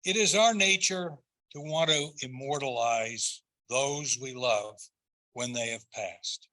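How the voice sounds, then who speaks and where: Bright-voiced older man giving a tender eulogy. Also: mid-range voice, slow, poor audio. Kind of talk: prepared eulogy speech.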